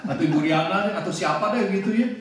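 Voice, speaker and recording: A man preaching a sermon as pastor, animated and joking with his congregation. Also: high voice, quick pace, far from the mic. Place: church hall. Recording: echoey church hall, mic off. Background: congregation responding.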